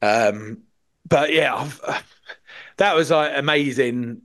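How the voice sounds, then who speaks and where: A man's voice: mid-range voice, slow pace, a bit bright. A British man chatting casually in a blunt, sweary, exaggerating way. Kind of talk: casual chat.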